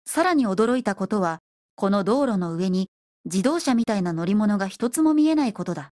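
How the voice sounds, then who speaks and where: A woman narrating an audiobook with steady, measured storytelling. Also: medium pitch, dry recording, clean studio sound. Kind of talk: audiobook reading of science fiction.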